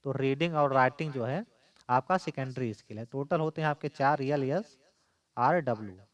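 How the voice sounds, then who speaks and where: Man, exam-prep teacher, mid-pitched voice, patient step-by-step explaining. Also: normal speed. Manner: explains step by step, repeating key points.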